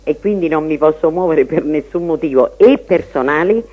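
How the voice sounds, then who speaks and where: A woman's voice: deep voice, moderate pace. A woman calling in to a radio show over the phone, chatting casually with the host in an easygoing way. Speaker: radio caller. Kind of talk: casual chat. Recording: muffled phone line.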